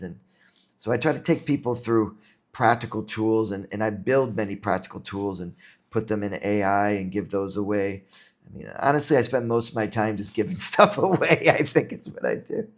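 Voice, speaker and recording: A New York entrepreneur with a fairly low voice speaks a little fast as a podcast guest in casual interview talk. He's earnest and reflective, often repeating words while he thinks.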